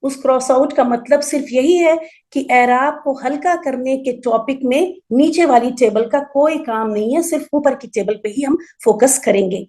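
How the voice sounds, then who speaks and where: A woman teaching an Arabic grammar class, explaining patiently and slowly repeating word forms for emphasis. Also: high voice, a little mellow. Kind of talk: online class lecture.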